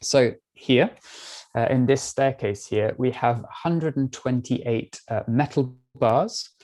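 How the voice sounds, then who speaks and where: A British man with a middle-pitched, mellow, dark voice leads a live online art tour as the guide. He's relaxed, explaining each piece with frequent pauses and small filler words.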